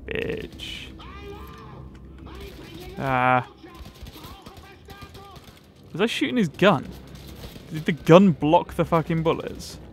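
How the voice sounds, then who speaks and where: A man's voice: on the high side, lively intonation, drawn-out words, pauses often, a little hiss or hum. A man playing a video game and commentating as he goes, swearing, joking and mocking himself. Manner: sweary, self-mocking, talks to game characters. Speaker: gamer. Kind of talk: let's play commentary.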